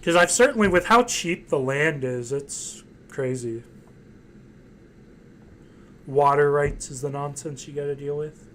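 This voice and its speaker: Young man, slightly raised pitch, casual rambling chat, hesitant delivery. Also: measured pace, pauses often, fairly bright tone, a little hiss or hum. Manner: rambling, hesitant, many fillers. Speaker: voice chat participant.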